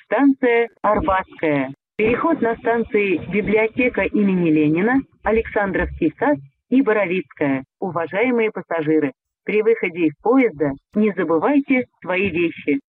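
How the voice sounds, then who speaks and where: A man making formal, measured metro announcements over the train intercom. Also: sits high, expressive, slightly rough. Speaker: transit announcer. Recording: tinny lo-fi train loudspeaker.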